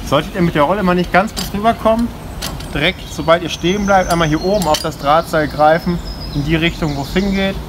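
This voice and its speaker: A man's voice: a little high, fast. A man gives an informal, explanatory safety briefing as a climbing instructor. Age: 20s. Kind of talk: spoken safety briefing with demonstration. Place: outdoors in a forest ropes course. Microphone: camera mic a few steps away. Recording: clear outdoor noise, passing vehicles, clinking gear.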